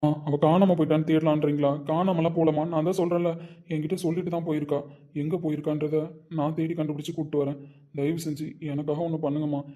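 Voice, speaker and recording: A man's voice: a little high, level tone, fast, warm tone, lightly acted. A man playing a young husband who pleads earnestly with his mother. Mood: pleading. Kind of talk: web series drama acting.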